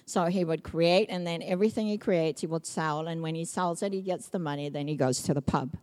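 Lively Samoan-raised woman preaching testimony. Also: sits low, a little fast. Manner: lively storytelling, acts out quotes, laughs often. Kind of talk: personal testimony sermon.

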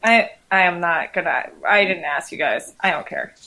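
A woman's voice: fairly low pitch, animated, moderate pace, vocal fry, bright, forceful tone, rough recording. A woman in her twenties, chatting playfully and defensively as a podcast co-host among male friends. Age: 20s. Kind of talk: casual group chat.

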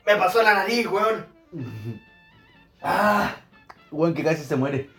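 A man's voice: high-pitched, big pitch swings, takes it slowly, a bit bright, soft background music. A man with a Chilean accent, co-hosting a podcast, groaning and gasping through a spicy food challenge with crude slang. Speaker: podcast co-host. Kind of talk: casual chat during spicy food challenge. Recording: echoey room.

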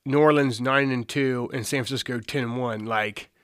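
A man's voice: mid-range voice, fairly even intonation, moderate pace, no room sound, clean studio sound. A man co-hosting a casual sports talk show, cracking jokes and running through scores and team records. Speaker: sports podcast co-host.

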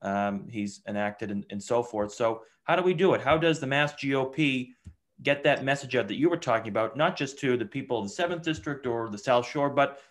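Fast-talking man host. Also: medium pitch, expressive. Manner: rambling questions with restarts. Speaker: podcast host. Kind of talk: conversational interview.

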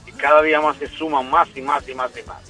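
A man co-hosting a radio show, chatting in a warmly effusive, grateful way. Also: a little high, flat delivery, fast talker, soft background music. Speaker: radio co-host. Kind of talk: casual radio chat.

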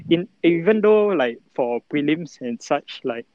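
Young Singaporean man chatting in halting Singlish. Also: on the high side, animated, dry recording, muffled recording. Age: 20s. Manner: colloquial Singlish with particles like lah, lor and mah; halting, rambling, heavy on filler words. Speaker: interview guest, breakdancer. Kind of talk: casual conversational interview answers in Singlish.

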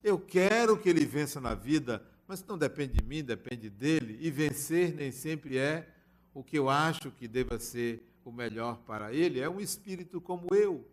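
A man's voice: fairly high pitch, animated, normal speed. An older man giving a spiritual talk, telling a family anecdote and acting out the dialogue. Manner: storytelling, acts out family dialogue.

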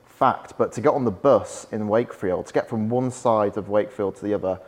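Appearing as a guest on a podcast, a young startup founder from West Yorkshire chats in a lowish voice with a softened local accent. He talks fairly quickly and anecdotally in a casual interview, peppering his stories with "like."

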